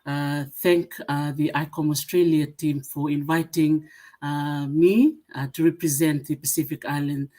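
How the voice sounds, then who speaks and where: A middle-aged woman from Fiji giving a webinar presentation, pausing often with "uh" as she lists her points. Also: low voice, fairly even intonation. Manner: many "uh" fillers, warm greetings, listing points. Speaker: museum association secretary-general speaker.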